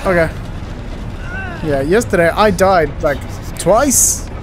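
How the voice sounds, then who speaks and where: A man's voice: high voice, animated, slow pace, background noise. A man giving casual, jokey commentary while playing a video game, talking to objects and characters on screen. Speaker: let's play gamer.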